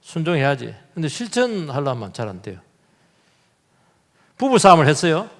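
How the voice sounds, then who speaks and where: Korean pastor preaching in a reverberant hall. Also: male voice, fairly high pitch, very animated, normal speed, creaky. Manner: conversational preaching with acted-out quotes and rhetorical questions. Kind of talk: sermon. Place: church sanctuary. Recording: long reverb of a church hall.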